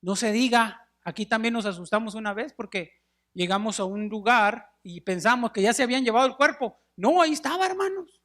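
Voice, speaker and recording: A man's voice: high voice, a little fast. A middle-aged man preaching a sermon in a church, telling stories with animation and calling his listeners brothers. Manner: animated storytelling, acts out wailing mourners; addresses listeners as brothers, drops in English words. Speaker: pastor. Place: church sanctuary.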